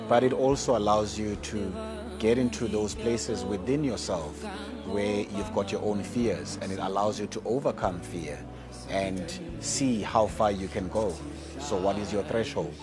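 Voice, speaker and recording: A man in his forties, an archbishop, talking in a measured, earnest way and building his points with repeated phrases, on a lapel mic in a large hall. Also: lowish voice. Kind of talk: reflective interview monologue. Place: large indoor hall with tall windows. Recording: interview with music underneath.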